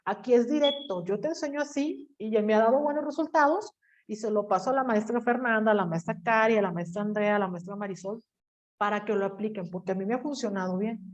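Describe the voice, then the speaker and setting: A woman's voice: mid-range voice, fast talker, lo-fi sound. A woman teacher, lecturing an online class over a video call and quizzing her students with everyday examples.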